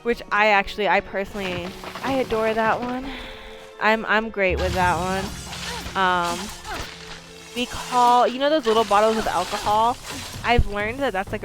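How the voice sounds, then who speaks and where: A woman's voice: medium pitch, rough recording. A young woman from Maine, a streamer, chatting casually and swearing freely while she plays a game. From Maine, USA. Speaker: livestreamer.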